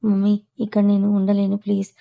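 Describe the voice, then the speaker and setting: A woman's voice: medium pitch, monotone, brisk, gravelly, lo-fi sound, natural voice. A woman voicing a pampered young bride who whines and complains about her hard new life in a storybook reading. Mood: pleading. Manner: whiny, complaining.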